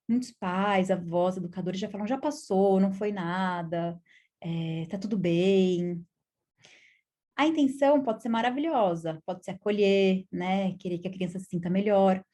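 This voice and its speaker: Brazilian woman in her 30s, child psychologist, calm teaching tone, mid-pitched voice, checks in with the listener often. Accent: Brazilian Portuguese. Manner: calm, explanatory, frequent tag questions. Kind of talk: educational video lesson.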